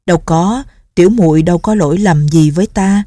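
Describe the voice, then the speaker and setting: A woman's voice: lowish voice, brisk, no echo, lightly acted. A woman reading a sly young swordsman. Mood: mock-remorseful. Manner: gentle, mock-remorseful.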